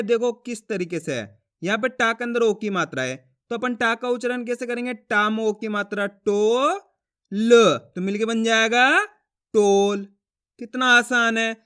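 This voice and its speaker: A man's voice: very high voice, a bit bright, clean tone. A man teaching a step-by-step online reading lesson, asking questions and answering them himself while he draws out each syllable.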